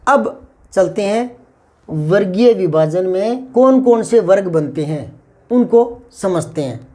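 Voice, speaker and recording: A man's voice: sits high, lively intonation, slow, dark tone. A man teaching grammar in an exam-prep lesson. He explains patiently, repeats key terms and asks rhetorical questions.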